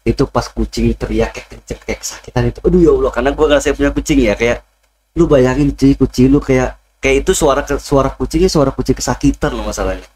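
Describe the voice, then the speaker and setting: A young man co-hosting a reaction video, talking in a relaxed, agreeable way and thinking aloud. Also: mid-range voice, fast, slight background noise. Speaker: co-host. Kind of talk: casual reaction chat.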